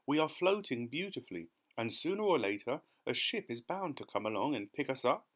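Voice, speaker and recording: A man's voice: mid-range voice, sing-song, fairly quick, a bit bright, pitched above the performer's own voice. A man voicing a young boy, eager, confident and hopeful, in a children's storybook. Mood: calm, confident.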